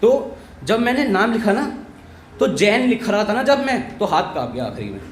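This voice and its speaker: High-voiced man telling a stand-up story. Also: big pitch swings, moderate pace, roomy sound, a little hiss or hum. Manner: acts out quoted voices of teacher and classmates. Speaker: stand-up comedian. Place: comedy stage with live audience.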